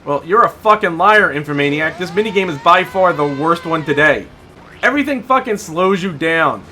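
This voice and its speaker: A man's voice: fairly high pitch, lively intonation, moderate pace, sharp tone, faint music behind. A man giving exasperated, sarcastic and profane commentary as he reviews a video game.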